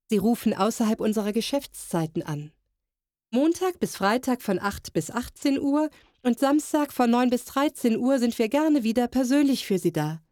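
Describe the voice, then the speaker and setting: A woman's voice: on the high side, mellow, dry recording, studio quality. A woman reads scripted telephone announcements in a polite, formal customer service voice. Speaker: phone announcement voice.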